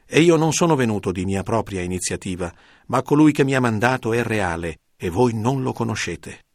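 A man reading as Jesus, solemn and low. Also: no echo, clean studio sound, lightly acted. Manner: measured, solemn delivery. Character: calm, authoritative male teacher, Jesus. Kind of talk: scripted Bible reading.

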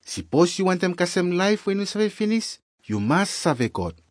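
A man's voice: high voice, big pitch swings, moderate pace, dry recording, clean studio sound. A man with a Melanesian Pidgin accent, narrating a scripted Bible lesson as its presenter.

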